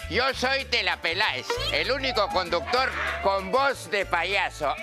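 An actor playing a silly cooking show host with a clownish voice and a Peruvian Spanish accent, announcing like a drawn-out showman. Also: sits high, expressive. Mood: showy, excited. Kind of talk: parody game show presenting. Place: TV studio kitchen set. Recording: loud music behind the voice.

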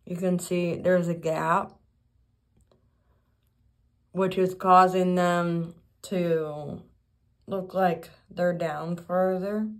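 A woman's voice: lowish voice, little pitch movement, drawn-out words, long pauses. A young woman vlogging casually while speaking with new dentures, frank and profane as she complains. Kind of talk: casual vlog.

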